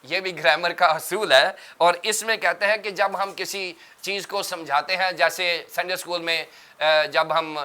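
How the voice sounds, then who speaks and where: A man's voice: high voice, steady tone, pushed and bright, clear, resonant tone. A man, a pastor on a religious TV panel, explains terms step by step in a teacherly way.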